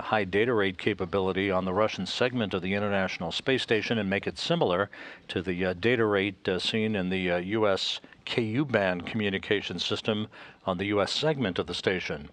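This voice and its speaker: An American man giving live technical commentary from mission control, in a measured, halting delivery full of uhs. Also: low voice, fairly bright tone.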